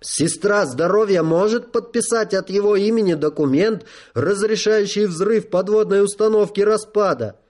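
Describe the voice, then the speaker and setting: A man voicing a cowardly, pompous general who keeps breaking into a shrill falsetto. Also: moderate pace, hardly any pauses, a little mellow, close to an everyday voice. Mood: insistent. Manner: frantic, insistent.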